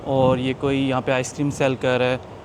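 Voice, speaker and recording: Walking along a busy tourist waterfront, a young Pakistani vlogger chats and jokes with his audience in casual narration. He speaks at a moderate pace in a mid-range, completely flat voice, with street sounds and traffic behind him.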